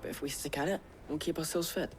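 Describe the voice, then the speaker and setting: A man's voice: a little high, steady tone, fast talker, faint music behind, lightly acted. A man playing a cocky but good-hearted young street lad in a video game, informal and plain-spoken. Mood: proud, resolute. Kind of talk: video game drama acting.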